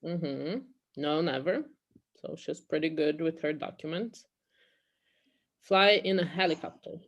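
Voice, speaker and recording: A woman's voice: low-pitched, slow, dull audio. A woman from Brazil teaching an English class in Portuguese, explaining patiently and often checking in with "okay?".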